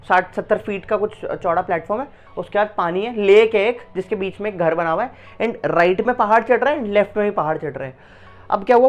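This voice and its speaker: Young man telling a story casually. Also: high voice. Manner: animated, slangy and conversational, with many fillers and asides. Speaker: vlogger.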